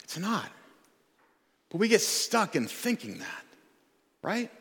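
Earnest high-voiced preacher in an echoing hall. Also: male voice, very animated, takes it slowly, a bit bright. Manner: earnest, repeats words and restarts often. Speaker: pastor. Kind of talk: sermon.

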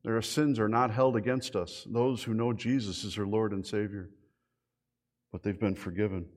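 A middle-aged man preaching a sermon as a pastor. He tells lively stories and keeps asking his listeners rhetorical questions. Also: fairly low pitch, moderate pace. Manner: animated storytelling with rhetorical questions.

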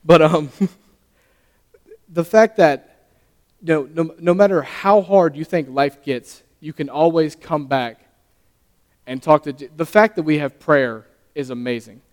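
Earnest young man preaching in a hall. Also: a little high. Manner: earnest, halting, stumbles and restarts. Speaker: lay preacher. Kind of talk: sermon. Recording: long reverb of a hall.

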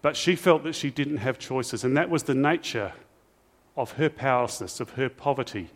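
A man's voice: mid-range voice, moderate pace. A middle-aged man, preaching a sermon as pastor in a chatty storytelling way with asides to the congregation. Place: church. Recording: reverberant church hall.

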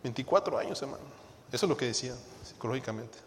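A man's voice: medium pitch, animated, fast, slight background noise. A male pastor, preaching a sermon and emphatically questioning the congregation in church. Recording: long reverb of a church hall.

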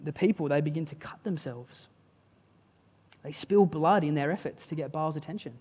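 Preacher in a reverberant hall. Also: mid-range voice. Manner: storytelling, dramatic pauses, lively and conversational. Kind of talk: sermon. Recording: long reverb of a large hall.

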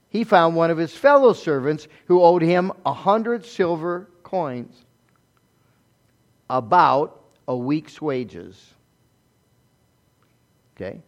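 Male pastor, sermon, slightly high voice, rhetorical questions, loud then quiet. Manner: conversational preaching, frequent rhetorical questions; swings between loud emphasis and soft low asides.

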